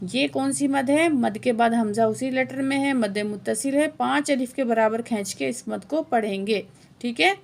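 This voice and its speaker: A woman teaching Quran tajweed word by word. She spells out each letter and vowel mark, chants the words slowly and drawn out, and answers her own quiz questions in quick, quieter asides. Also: fairly high pitch, creaky. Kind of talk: word-by-word recitation lesson.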